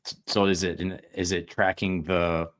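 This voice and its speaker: A man hosting a casual interview over a video call, speaking in a measured, earnest way with some stumbles. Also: low voice, flat delivery. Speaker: interview host, channel owner.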